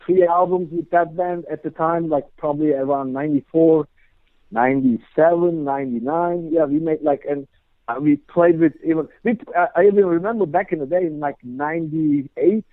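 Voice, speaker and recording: A Turkish guitarist, a guest in a casual interview, rambles along with plenty of "you know" and "like." His voice sits on the high side at a moderate pace, coming through a dry, tinny phone line with no room sound.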